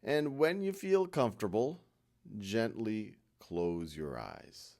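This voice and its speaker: Gentle and reassuring, a man guides a meditation through short instructions with many pauses in between. His voice is on the low side, sing-song, with vocal fry.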